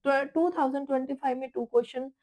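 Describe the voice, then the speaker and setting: High-voiced woman teaching exam prep. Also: fairly even intonation, quick pace, darkish tone, poor audio. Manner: calls students "beta", rattles off years and question counts.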